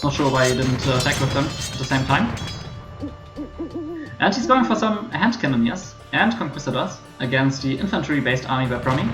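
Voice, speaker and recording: A man with a German accent giving live commentary on a strategy game as a streamer, in a conversational, slightly hesitant way. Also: a little high. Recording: roomy echo, music behind. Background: music.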